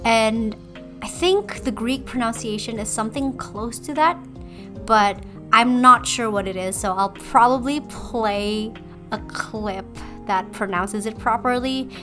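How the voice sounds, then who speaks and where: A woman's voice: a little high, unhurried, fairly bright tone, soft background music. A young woman from Indonesia, chatting casually in a voice-over about her drawing process, with playful self-deprecating asides. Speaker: artist and video creator.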